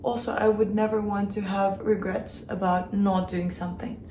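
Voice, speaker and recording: Mellow-voiced woman chatting in an echoey room. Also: mid-range voice, flat delivery, moderate pace, a little hiss or hum. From Kazakhstan. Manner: chatty and open, talking while she works. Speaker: beauty vlogger. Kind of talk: casual chat during a hair tutorial. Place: home room, in Hong Kong. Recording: echoey room with faint ambience.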